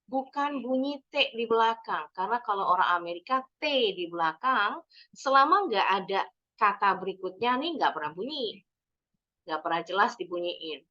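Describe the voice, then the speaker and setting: A woman teaching an online English pronunciation lesson, explaining points and then modelling short phrases slowly. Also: on the high side, bright, forceful tone, highs cut off. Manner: switches between explaining and slow model phrases.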